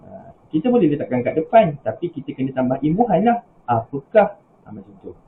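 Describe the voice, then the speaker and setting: A man's voice: on the high side, very animated, fast, slight background noise. A man with a Malaysian Malay accent teaching an online religious school class, patiently explaining step by step over a video call. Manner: patient, explains step by step with rising example questions. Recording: tinny phone-like video call audio.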